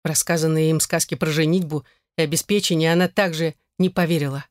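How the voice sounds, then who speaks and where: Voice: medium pitch, fairly even intonation, quick pace, no room sound. A narrator reading a dramatic audiobook into a close mic.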